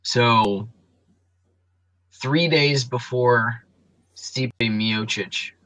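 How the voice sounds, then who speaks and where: A man's voice: medium pitch, very slow, fairly bright tone, no room sound, poor audio. A man co-hosting a casual sports podcast, breaking down fighters and records in detail with frequent ums and restarts. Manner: analytical, reels off stats with frequent ums.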